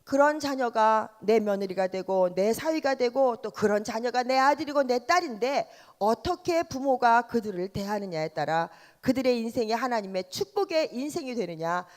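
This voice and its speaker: Lively woman preaching in a reverberant hall. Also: a little high. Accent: Korean Chungcheong dialect. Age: middle-aged. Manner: lively, quizzes the congregation with questions. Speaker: pastor's wife, revival speaker. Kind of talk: revival sermon in a church. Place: large church sanctuary.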